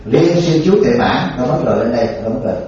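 Joking monk, echoey hall. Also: male voice, mid-range voice, animated, quick pace, darkish tone. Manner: folksy and joking, laughs often, checks in with listeners. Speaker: Buddhist monk teacher. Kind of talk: informal dharma talk. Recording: distant, echoey, dull lo-fi with faint hiss.

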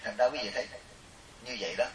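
A man's voice: mid-range voice, fast talker. A middle-aged man giving a humorous Buddhist sermon, chatty and storytelling, often turning to ask his listeners questions. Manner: storytelling, chatty, keeps asking the audience questions. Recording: roomy, distant mic.

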